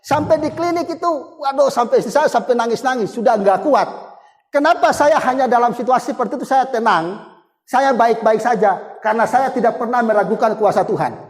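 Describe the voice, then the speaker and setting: In a large hall, a man with a very high voice preaches a sermon at a brisk pace, sharing a personal testimony. His delivery is conversational storytelling, full of acted-out quotes and chuckles.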